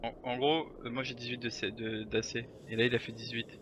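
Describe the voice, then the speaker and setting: A man's voice: medium pitch, little pitch movement, fairly quick, noisy background. A man playing a tabletop game, explaining the rules and thinking aloud. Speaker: player. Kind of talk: tabletop game play over voice chat.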